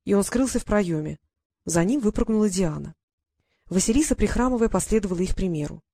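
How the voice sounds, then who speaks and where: A woman narrating a children's fantasy audiobook in an even, measured storytelling manner. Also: medium pitch, no room sound, studio quality. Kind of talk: scripted narration.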